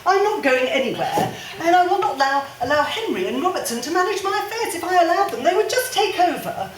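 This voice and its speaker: An actress playing a spirited, grieving widow who speaks firmly, with halting restarts, in a stage play. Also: female voice, high-pitched, very animated, slight background noise. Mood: defiant. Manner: firm, emphatic, halting restarts. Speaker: stage actor. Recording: echoey stage sound from a distance.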